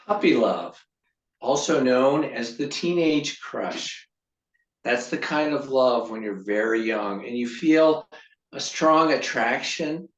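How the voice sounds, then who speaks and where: A man giving a humorous prepared storytelling speech to a club, with a deliberate delivery and dramatic pauses. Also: a little high, muffled recording. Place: meeting room. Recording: roomy echo, from far off.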